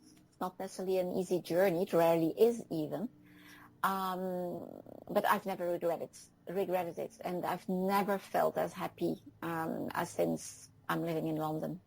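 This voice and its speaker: Gravelly-voiced woman in her fifties. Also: fairly low pitch, level tone, a little mellow, poor audio. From France. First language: French and Dutch. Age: 50s. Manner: reflective, pausing often with ums. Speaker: guest. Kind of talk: interview on an internet radio show.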